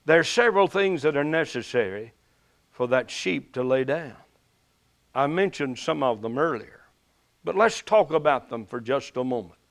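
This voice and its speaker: A man's voice: mid-range voice, expressive. A man with an Appalachian accent preaching in a folksy storytelling way, drawing out words for emphasis. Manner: folksy, deliberate phrasing with drawn-out emphasis. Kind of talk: storytelling sermon.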